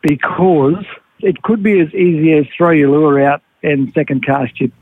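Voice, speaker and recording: A man's voice: on the high side, fairly even intonation, moderate pace, a little hiss or hum. A man giving a laid-back, colloquial fishing report as a radio guest. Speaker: fishing tackle shop expert, radio guest. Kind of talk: casual fishing report chat. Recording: thin phone line on radio.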